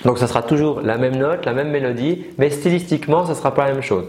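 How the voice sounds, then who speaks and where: A man's voice: mid-range voice, fast, a little mellow. A man teaching singing in a casual online lesson, explaining with many fillers and demonstrating sung notes. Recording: roomy echo.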